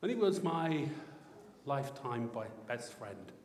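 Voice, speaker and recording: Middle-aged preacher in an echoing hall. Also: male voice, medium pitch, unhurried, slight background noise. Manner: expressive, swings from loud excitement to soft reflection. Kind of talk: sermon. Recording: roomy hall echo heard from a distance.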